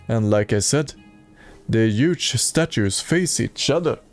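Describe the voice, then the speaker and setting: A man's voice: medium pitch, lively intonation, slow pace, soft background music. A man streaming a video game and reading its dialogue aloud in a plain way, with occasional stumbles.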